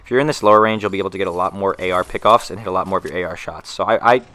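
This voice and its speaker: Rapid-fire and forceful, a young man with a low, bright voice rambles through a gaming tutorial voice-over while congested from a cold. The gaming YouTuber fills it with fillers and frequent restarts.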